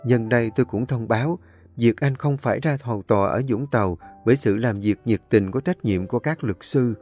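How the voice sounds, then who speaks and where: A man reading as a calm, composed wife. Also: medium pitch, soft background music, natural voice. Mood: cool, explaining. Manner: calm, soft, measured explaining.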